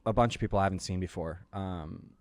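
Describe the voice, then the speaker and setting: A man hosting a casual podcast, tired and short on sleep, explaining things in a laid-back way with many pauses. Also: low voice, no echo. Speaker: podcast host, professional poker player.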